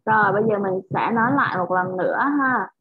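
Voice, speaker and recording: A Vietnamese-accented woman speaks a little fast in a mid-range voice with a breathy edge and no room sound. Teaching a child English over a video call with dull, dry audio, she drills pronunciation patiently and offers encouragement.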